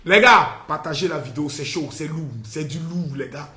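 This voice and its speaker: A man hosting a live stream, mocking and scolding loudly and often shouting. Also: on the high side, normal speed. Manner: loud taunting mock-scolding, often shouting. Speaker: livestream host. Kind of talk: mocking satirical live commentary. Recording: echoey room with faint noise.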